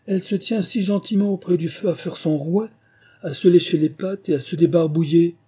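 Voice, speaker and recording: A man's voice: high-pitched, normal speed, warm tone, husky, voice pushed up. A man voicing Alice, a curious and polite young girl, in a storybook reading, with a raised, eager and pleading tone. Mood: fond.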